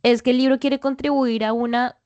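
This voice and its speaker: Female podcast host, fairly high voice, conversational interviewer, easy fillers. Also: fairly even intonation, a little fast, a little mellow, highs cut off. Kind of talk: academic interview.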